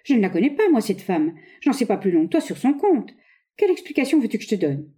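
A woman's voice: a little high, big pitch swings, quick pace, mellow, voice pushed up. Impatient husband, read by a woman. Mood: impatient, exasperated. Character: exasperated husband, naturalist.

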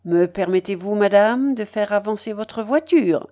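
A woman playing a jealous young officer from a read-aloud novel, his anger barely held in check. The tone stays dark and mellow. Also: medium pitch, lively intonation, normal speed, breathy edge. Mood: angry.

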